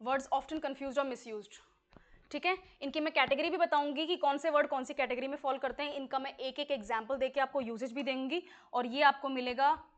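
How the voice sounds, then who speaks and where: A woman's voice: high-pitched, steady tone, brisk, muffled recording. A woman teaching an English exam-prep lesson in Hindi, explaining words step by step and often checking that students follow.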